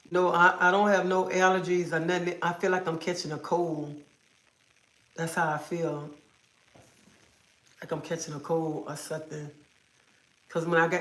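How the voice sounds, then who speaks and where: A woman with a low-sitting, fairly bright voice hosts a relaxed livestream from home. Feeling sick, as though catching a cold, she rambles and says things over again, and the indoor room sounds echoey.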